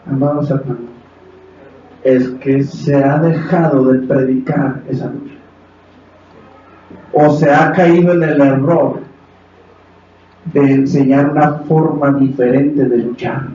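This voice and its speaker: A Mexican pastor preaches with passion, his voice sitting fairly high for a man. He acts out quotes and climbs to shouts. The church hall rings with heavy echo, caught from far off on a dull recording. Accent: Mexican Spanish. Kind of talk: sermon. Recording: echoey hall from far off, dull, faint hiss.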